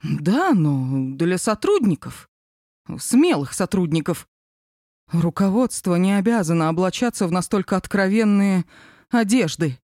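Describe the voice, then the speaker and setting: A woman's voice: fairly low pitch, big pitch swings, unhurried, mellow, no room sound. A woman voicing a prim, dry female office boss in an audiobook. She sounds stiff and easily flustered. The recording is dry and close. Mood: gossiping. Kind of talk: audiobook character reading.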